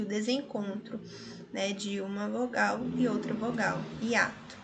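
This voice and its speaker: A woman's voice: fairly high pitch, vocal fry, sharp tone, slight background noise. A woman teacher with a Brazilian Portuguese accent, working through grammar exercises and stretching out each word she analyzes. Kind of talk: grammar lesson solving exercises.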